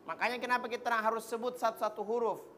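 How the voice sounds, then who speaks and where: Woman, recitation teacher, corrective drill, bright crisp tone. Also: fairly high pitch, fairly even intonation, slight background noise. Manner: corrective, drawn-out syllable demonstrations and call-and-response counting. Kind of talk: classroom pronunciation drill. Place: broadcast studio classroom.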